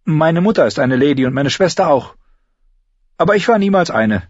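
A man's voice: a little high, lively intonation, moderate pace, no room sound, highs cut off, pitched above the performer's own voice. Man putting on a fierce, defiant young noble girl. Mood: earnest. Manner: sharp, indignant, commanding.

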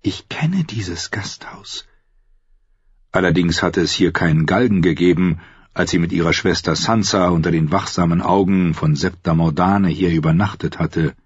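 Husky low-voiced male audiobook narrator. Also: no echo. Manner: measured, even storytelling. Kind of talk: scripted fiction narration. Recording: dull, lo-fi, dry.

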